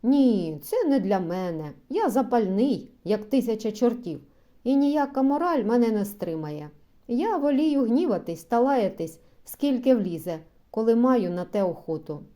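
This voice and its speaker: A naive, hot-tempered bourgeois gentleman, as a woman reader puts him on, with an eager exclaiming manner and a loud, lively voice that swings high and low. The tone is mellow and warm. It sounds like a storybook comedy read aloud. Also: a little slow. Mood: defiant.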